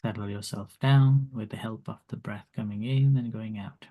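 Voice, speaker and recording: A man, a monk teaching meditation, gently leads a calm grounding exercise in slow, soft instructions with long pauses. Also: lowish voice, breathy edge.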